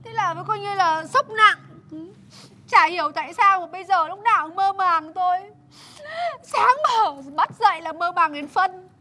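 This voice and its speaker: An actress playing a loud, nagging village wife who scolds and exclaims in a flustered way. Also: female voice, very high-pitched, moderate pace. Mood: scolding.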